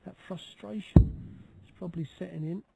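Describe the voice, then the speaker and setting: A man's voice: sits high, steady tone, brisk, gravelly, very noisy. A man giving chatty, analytical live commentary as a darts co-commentator.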